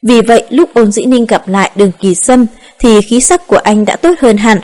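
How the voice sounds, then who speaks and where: Woman, higher voice, calm steady narration, audiobook reading. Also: moderate pace. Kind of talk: scripted narration of a romance novel.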